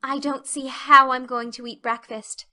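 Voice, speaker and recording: Woman voicing an excitable, bright, high-voiced young girl. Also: measured pace, heavily acted. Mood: rapturous, earnest. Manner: gushing, effusive, breathless exclamations. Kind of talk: audiobook character acting.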